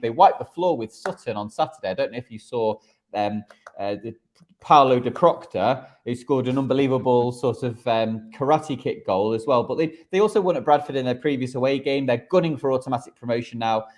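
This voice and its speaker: Man, medium pitch, football betting podcast host, conversational analysis, hesitant repeated words. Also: fairly quick, darkish tone. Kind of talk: conversational sports tipping and analysis.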